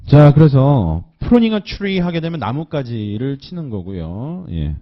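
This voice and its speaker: Korean lecturer with a lively, checking cadence. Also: male voice, medium pitch. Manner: repeats phrases slowly for students, checks with frequent tag questions. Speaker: English listening instructor. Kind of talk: recorded online lecture. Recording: dull lo-fi lecture recording.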